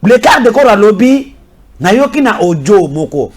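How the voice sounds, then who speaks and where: Crowd noise surrounds a Congolese man with a high-pitched, sing-song voice speaking a little slowly. His heated political commentary mixes French and Lingala, insistent and full of repetition.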